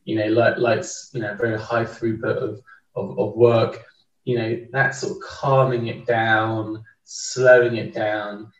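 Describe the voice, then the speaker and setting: A man's voice: lowish voice, level tone, measured pace. A man as a podcast guest, talking through a book in a thoughtful, casual way with frequent restarts. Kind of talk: casual conversational book discussion. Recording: roomy, distant, dull remote mic.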